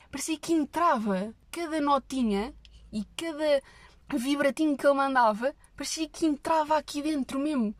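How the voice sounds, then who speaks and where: A young woman with a European Portuguese accent, telling comic stories straight to her viewers in an animated, exaggerated way. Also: sits high, dry recording. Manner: animated, exaggerated storytelling, dropping her voice for asides.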